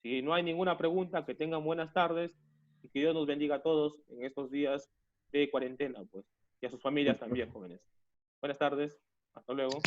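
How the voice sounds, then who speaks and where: A man's voice: a little high, fairly even intonation, fairly quick, dull audio. A man from Peru teaching an online class, repeating himself and often calling his students young people. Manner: repetitive, addresses class as "jóvenes", many restarts.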